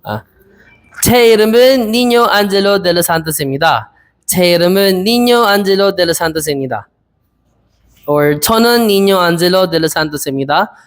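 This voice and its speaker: A young man in his twenties from the Philippines, practicing Korean interview answers aloud, hesitant and repeating each phrase slowly. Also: sits high, lively intonation. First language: Filipino. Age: 20s. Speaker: Korean language learner.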